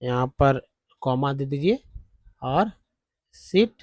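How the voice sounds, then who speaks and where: A man's voice: medium pitch, lively intonation, darkish tone, no room sound. A man with an Indian English accent teaching a language lesson, switching between Hindi and English and saying each phrase over and over. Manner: slow, repeats English phrases several times over.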